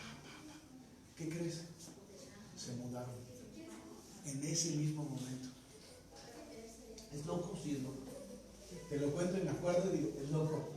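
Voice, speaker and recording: A man preaching a sermon, telling stories with animated energy and often asking the congregation questions, with shouts at the peaks. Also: sits high. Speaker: pastor. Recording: echoey hall, distant mic, noisy.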